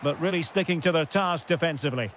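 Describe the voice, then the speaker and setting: Male play-by-play caller, high and bright tone, punchy name calls. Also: fast, slight background noise. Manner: calls player names, rises sharply on goals and chances. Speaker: play-by-play football commentator. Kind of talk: video game match commentary.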